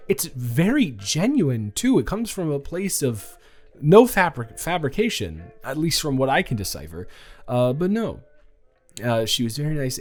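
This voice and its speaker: In a romantic audio roleplay, a man plays a sweet young college student who teases playfully, speaking casually and haltingly with repeated words. He is a young adult with a mid-range voice.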